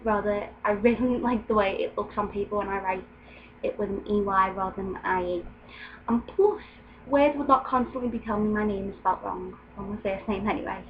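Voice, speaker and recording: A young English vlogger talks fairly quickly in a mid-range voice, chatting casually and peppering it with ums. The recording is muffled, made in a room at home with a window open and faint ambient sound coming through.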